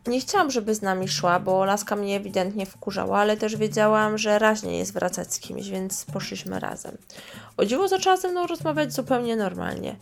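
A woman's voice: mid-range voice, brisk, gravelly, soft background music. A woman reading her own memoir aloud in a chatty way, with sarcastic asides. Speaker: storyteller.

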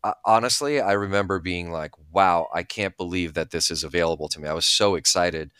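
A man's voice: low voice, brisk, fairly bright tone, smooth, no room sound, studio quality. A man in his thirties, originally from Bulgaria, talking candidly as an interview guest. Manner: thoughtful, candid, many fillers. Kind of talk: casual interview talk.

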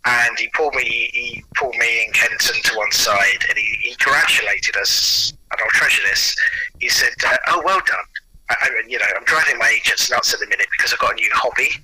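An audio producer and actor appears as an interview guest, speaking briskly in a sharp-toned, mid-range voice as he shares enthusiastic anecdotes in casual chat. The recording is rough, with a little hiss or hum.

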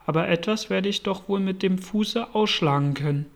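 A man's voice: high voice, normal speed, creaky. A man voicing the young girl Alice in a storybook reading, exclaiming and talking to herself.

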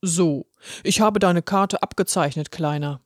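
A woman voicing a kindly male ticket inspector, a pen with a moustache, in a low put-on storybook voice that is gruff but encouraging. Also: a little slow, dry recording, studio quality, natural voice. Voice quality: deep put-on voice. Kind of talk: storybook reading.

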